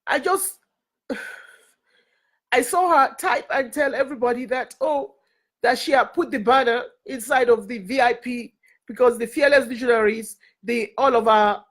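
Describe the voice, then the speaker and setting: High-pitched earnest woman mentor. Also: a little slow, pauses often. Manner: earnest, repeats phrases, preacherly. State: crying and laughing at times. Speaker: mentor and network leader. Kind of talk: emotional motivational talk.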